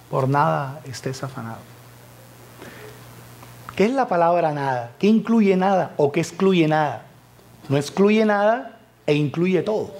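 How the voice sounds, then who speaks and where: Fervent preaching man, fairly high voice. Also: creaky. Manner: fervent, swings from loud exclamations to soft near-whispers. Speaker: evangelist preacher. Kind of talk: sermon. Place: church.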